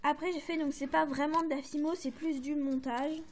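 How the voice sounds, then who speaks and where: High-voiced French woman chatting about crafts. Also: fairly even intonation, moderate pace, a little mellow, slight background noise. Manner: chatty, hesitant, many fillers and apologies. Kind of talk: casual show-and-tell to camera.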